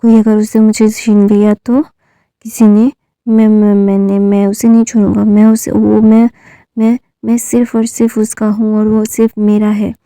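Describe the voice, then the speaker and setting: A woman's voice: medium pitch, flat delivery, moderate pace, dark tone, clean tone, dry recording, lightly acted. A woman voicing a frantic, obsessed young man. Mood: desperate. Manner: frantic, stammering repetitions.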